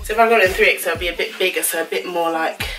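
Soft music plays behind a woman talking rapid-fire in a fairly low, fairly bright voice, far from the mic. She's a fashion vlogger doing a clothing try-on haul in a small bedroom, gushing casually with slangy asides to a camera on a stand a few feet off.

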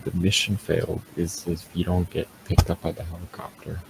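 Low gravelly young man gaming. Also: completely flat delivery, fairly quick. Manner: rambling, many restarts. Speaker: gamer. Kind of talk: casual gaming chat. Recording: noisy game audio behind.

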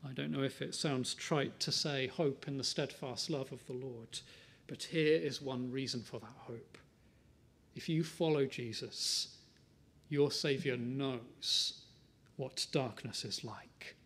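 A man preaching a sermon, earnest and measured, building to emphatic lines and dropping to soft, tender ones. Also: mid-range voice, fairly even intonation, slightly rough.

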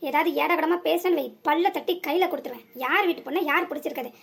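Voice actor doing a squeaky, defiant young cartoon hero. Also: fast talker, creaky. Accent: southern Tamil. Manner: confrontational, threatening. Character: bold young man defending a girl. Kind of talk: cartoon voice acting.

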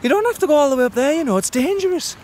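A man voicing his worried middle-aged mother, high-pitched and fussing as he pleads with himself to come back down. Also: lively intonation, rapid-fire, a little mellow, a little hiss or hum. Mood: fretful.

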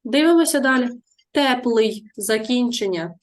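A woman's voice: a little high, lively intonation, a little slow. A woman teacher giving a classroom grammar lesson, patiently repeating her pupils' answers and asking guiding questions. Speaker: primary school teacher.

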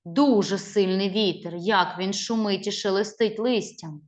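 Slow, careful woman teacher. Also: mid-range voice. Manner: slow, careful, expressive reading; addresses children warmly and directly. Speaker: primary school teacher. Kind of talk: recorded literature lesson for children.

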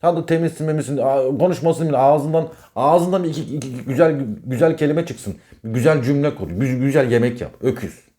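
A man's voice: medium pitch, fairly quick, dark tone. A man who works as an astrologer, talking in a casual monologue about zodiac signs. He speaks emphatically, repeats himself and scolds the listener directly.

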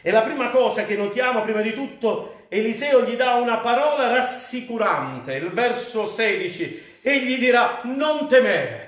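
A man's voice: extremely high pitch, animated, normal speed, few pauses, a bit bright. An Italian man preaching a sermon as pastor, fervent and rising on cries to the Lord. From Italy. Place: church. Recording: very echoey church hall.

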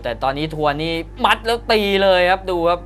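A man's voice: high voice, expressive, fast, a bit bright. A man giving live Muay Thai commentary in an exclamatory way, reacting to each strike. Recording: broadcast with arena crowd noise behind. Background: faint fight-arena ambience.

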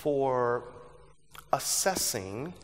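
A man speaks from a stage in a big, echoing auditorium. He delivers a motivational talk in short, emphatic phrases at a middle pitch, leaving pauses for interpretation. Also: lively intonation, a little hiss or hum. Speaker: seminar speaker. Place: large church auditorium with audience. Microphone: headset. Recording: hall reverb over headset mic.

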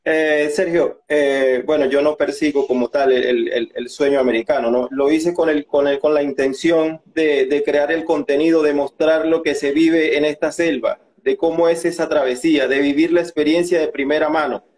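A young man with a Venezuelan accent giving his testimony as a migrant and content creator in an interview, talking haltingly with many restarts. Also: on the high side, steady tone, darkish tone, poor audio. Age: young adult.

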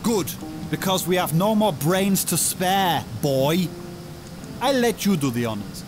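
A man's voice: high voice, very animated, measured pace, over music. An actor voicing a commanding, theatrical male doctor who brings the dead back to life in a video game. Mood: instructing.

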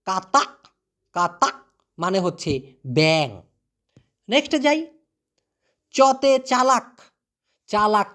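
A man from Bangladesh giving a casual spoken language lesson. He repeats each word, asks his own questions and answers them, and drops in jokey asides. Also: high voice. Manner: lively teaching voice with jokey asides. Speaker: language teacher.

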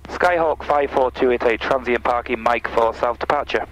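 A man's voice: medium pitch, moderate pace, fairly bright tone. A man piloting a small plane, making radio calls and talking through his checks in the cockpit. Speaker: private pilot. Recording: noisy small aircraft cockpit intercom.

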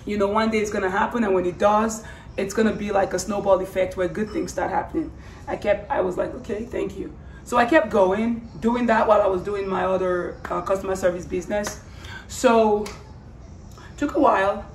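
A woman with a hoarse voice that is giving out, talking casually and earnestly in a personal vlog, rambling and repeating phrases for emphasis. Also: mid-range voice, steady tone, brisk. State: hoarse, losing her voice. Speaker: vlogger. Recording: roomy, distant mic, faint background noise.

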